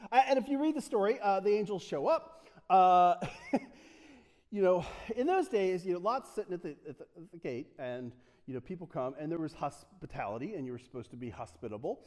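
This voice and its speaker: A man's voice: sits high, animated, a little fast, darkish tone, in a large hall. A man from the United States preaching a casual sermon in a church, joking and chatty, with many fillers and restarts. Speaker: pastor.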